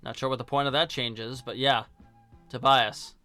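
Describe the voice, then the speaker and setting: In this film review, the male host speaks in a mid-range voice with fairly even intonation at a moderate pace, his tone sharp and clean. As a video essayist he is casual, opinionated, blunt, and sarcastic, swearing occasionally, with music in the background.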